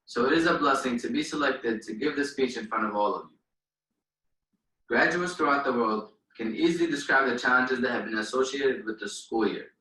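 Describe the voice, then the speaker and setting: A young man from Palestine, a native Arabic speaker, gives a formal graduation speech as valedictorian. His voice is bright and forward. It sounds roomy, and he stands some way from the mic. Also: medium pitch, far from the mic. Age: young adult. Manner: formal, earnest address. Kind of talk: commencement speech.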